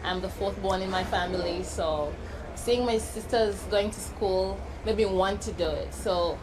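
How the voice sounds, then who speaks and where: A woman's voice: medium pitch, a little slow. A twenty-one-year-old woman from Uganda, giving a confident, rehearsed pageant self-introduction. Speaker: pageant contestant. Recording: noticeable background noise.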